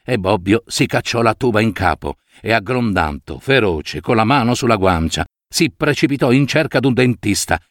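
A man narrating a story for an audiobook in an expressive, dramatic reading style. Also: fairly low pitch, normal speed, few pauses, no room sound, studio quality.

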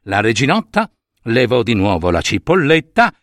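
A man reading a fairy tale aloud with expressive, animated narration. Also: mid-range voice, moderate pace, no echo, clean studio sound. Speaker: storyteller.

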